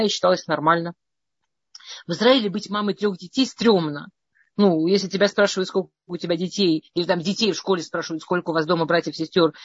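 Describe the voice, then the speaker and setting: A woman's voice: on the low side, breathy edge, dry recording, dull audio. A middle-aged woman from Russia casually telling her life story in a meandering way, often restarting and stammering over words.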